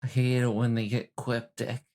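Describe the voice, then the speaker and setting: An extremely low, dark-toned voice with flat delivery and a moderate pace belongs to a woman improvising in-character chat at a tabletop game. She talks in a flippant, slangy, hesitant manner.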